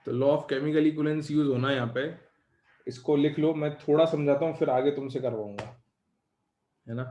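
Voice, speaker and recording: A male chemistry teacher giving a live lecture, dictating questions slowly and chatting with his students. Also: fairly high pitch, mellow, echoey room, highs cut off.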